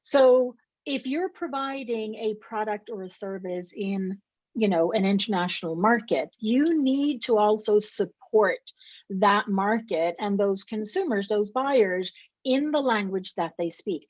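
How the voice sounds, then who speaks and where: A middle-aged woman from Sweden answers interview questions, laying out her points emphatically and often checking in with "right?". Her voice sits at an ordinary pitch for a woman. The recording is dry and a little dull, like a lo-fi call. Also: lively intonation, unhurried, darkish tone, dry recording. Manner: explanatory, emphatic, with repeated rhetorical "right?". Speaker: interview guest, company co-founder. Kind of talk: conversational interview.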